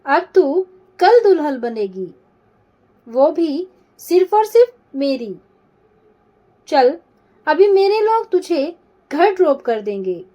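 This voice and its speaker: A woman's voice: sits high, very animated, slow pace, pauses often, a little mellow, lo-fi sound, full character voice. A woman voicing a cocky, threatening male gangster who mocks and bullies. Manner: mocking, bullying threats.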